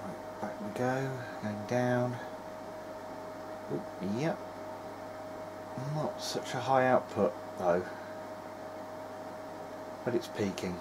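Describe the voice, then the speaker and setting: With clear workshop noise in the background, a man at a small, cluttered electronics bench narrates his testing casually, mumbling to himself in fits and starts. He speaks in a mid-range voice as the presenter of a hobby video diary.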